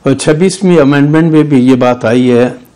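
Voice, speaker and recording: In a studio news interview, an older lawyer with a Pakistani Urdu accent argues legal points in a dark, medium-pitched voice at normal speed. His manner is argumentative and legalistic, marked by restarts.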